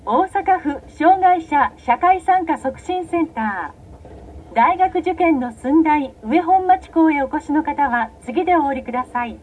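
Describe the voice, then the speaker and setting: High-voiced female subway announcer. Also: expressive, a little slow, poor audio. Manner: formal, carefully phrased. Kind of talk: scripted station announcements.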